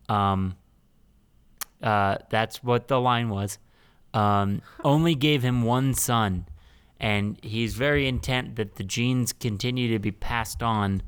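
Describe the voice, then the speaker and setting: A tired man hosting a podcast, retelling a film in halting casual chat full of fillers. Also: mid-range voice, clear, resonant tone. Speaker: podcast host recapping a film.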